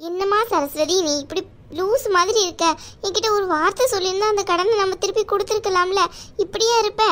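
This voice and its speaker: A woman's voice: very high voice, fairly quick, a bit bright. A woman voicing a firm, bossy middle-aged cartoon aunt. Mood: firm caring. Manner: firm, bossy yet affectionate. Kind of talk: cartoon voice acting.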